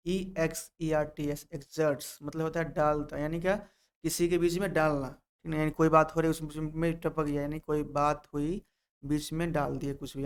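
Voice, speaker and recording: A man's voice: on the high side, vocal fry, clear, resonant tone. A man teaches English word meanings, repeating each word and spelling it out letter by letter. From Bihar, India. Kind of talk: vocabulary lesson.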